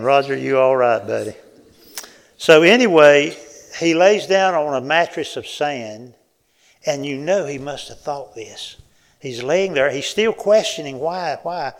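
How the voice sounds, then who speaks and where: Preacher guy, gravelly, folksy and animated, keeps asking the crowd stuff. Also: fairly high pitch. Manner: folksy, animated, with restarts and audience questions. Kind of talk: sermon.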